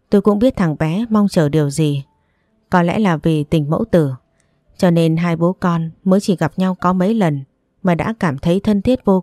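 Calm low-voiced woman narrating a story. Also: dry recording, studio quality. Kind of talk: first-person audiobook narration.

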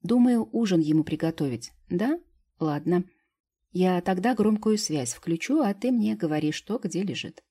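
A woman reading a shy whispering young girl in a storybook, breathy, dark-toned, hesitant, gentle. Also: lowish voice, lively intonation, normal speed. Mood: chatty. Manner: soft, hushed, hesitant. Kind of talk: audiobook character reading.

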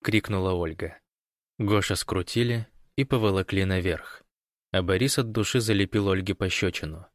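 A man narrating an audiobook in an even, measured reading. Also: sits low, no room sound, studio quality.

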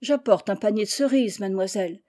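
Brief: humble old countryman, polite and mellow, read by a woman. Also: medium pitch, a little fast, lightly acted. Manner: courteous, plain-spoken. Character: polite older peasant man.

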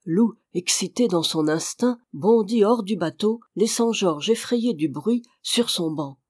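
Measured audiobook narrator, dry close sound. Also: medium pitch, slightly rough, dry recording. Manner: measured, even storytelling delivery. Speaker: audiobook reader. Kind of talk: scripted narration of a classic novel.

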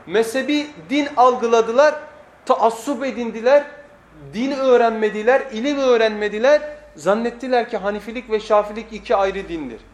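This man's high voice delivers a weekly sermon lesson into a pulpit microphone. Emphatic throughout, he repeats phrases and throws rhetorical questions at the congregation.

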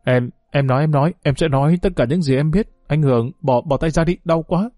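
A nervous, cowardly fixer stammers and pleads, as a male narrator plays him. The tone is mellow and close, with a dry sound. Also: medium pitch, fast talker, no room sound, faint music behind, lightly acted.

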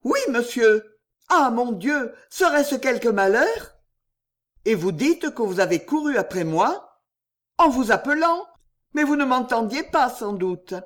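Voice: mid-range voice, animated, a little slow, a bit bright, voice pushed up. An audiobook reader voicing a flustered, kindly innkeeper woman in a raised, breathless voice. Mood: alarmed.

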